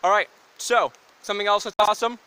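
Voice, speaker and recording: A young man with a high, bright voice co-hosts a casual podcast with his brothers. He jokes and rambles eagerly, his pace racing ahead and then dragging. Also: steady tone, quick pace, smooth, low-quality recording. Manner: upbeat, joking, rambling enthusiasm. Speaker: podcast co-host. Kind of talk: casual chat between brothers.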